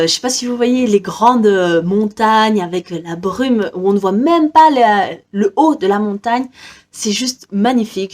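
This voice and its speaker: A young woman from Belgium chatting casually about her reading list, hesitant with many fillers and frequent small laughs. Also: on the high side. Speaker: book vlogger. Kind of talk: casual book haul chat.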